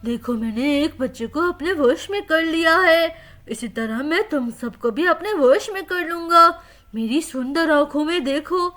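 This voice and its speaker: A woman's voice: high voice, animated, a bit bright, voice pushed down. A woman voicing a menacing, vengeful male jinn in a doll storybook video, drawing out gloating threats. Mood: commanding. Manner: slow, gloating, drawn-out threats. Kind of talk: storybook doll-play voice acting.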